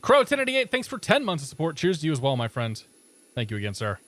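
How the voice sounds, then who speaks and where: A man's voice: a little high, wildly swooping pitch, fast, a bit bright. A man hosting a flight simulator livestream, chatting casually and thinking aloud to his viewers.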